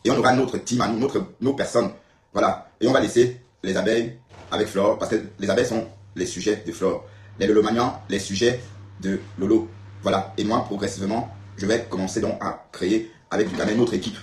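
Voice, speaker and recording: Give me a man from Cameroon on a live stream, talking fast and repeating himself emphatically. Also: on the low side, steady tone, a little mellow. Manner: emphatic, repetitive, addresses viewers directly. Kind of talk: casual live-stream talk replying to comments. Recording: echoey room, faint background ambience.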